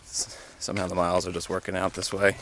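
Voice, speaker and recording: A young man with a lowish voice talks into a handheld camera out on a mountain trail, stopping and starting with plenty of ums. He sounds a little winded at times from the climb. Steady outdoor noise sits clearly behind him. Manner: halting, many fillers, easygoing. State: out of breath while hiking uphill. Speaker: thru-hiker vlogger. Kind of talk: casual trail vlog.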